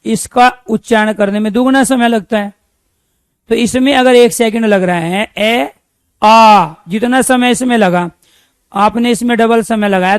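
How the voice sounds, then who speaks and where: A man's voice: high voice, no room sound, clean studio sound. A man teaching a grammar lesson, asking questions and answering them himself, repeating key terms so they stick.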